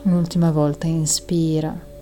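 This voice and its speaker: In a deep voice and at a moderate pace, a woman talks listeners through a breathing meditation. Her manner is soft and soothing, and her long exhales are clearly audible.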